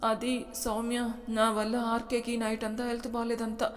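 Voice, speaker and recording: A woman voicing a quick-tempered but innocent young wife who apologizes and frets. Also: on the high side, completely flat delivery, big-room sound, close to an everyday voice. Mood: anxious.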